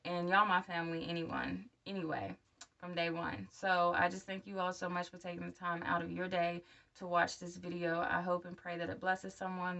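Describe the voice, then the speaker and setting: A woman's voice: on the low side, creaky, fairly bright tone, lo-fi sound. A woman in her thirties who is a new denture wearer, talking candidly and encouragingly to viewers in a casual personal video update. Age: 30s. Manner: candid, encouraging direct address. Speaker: vlogger. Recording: voice somewhat far from the mic.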